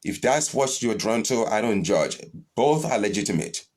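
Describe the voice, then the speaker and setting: Guy doing a live spiritual talk, blunt, swears a lot, voice jumps up when he makes a point. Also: normal speed. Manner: blunt and animated, swearing freely, pitch jumping up for emphasis. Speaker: spiritual teacher. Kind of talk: live-streamed spiritual talk answering viewer questions.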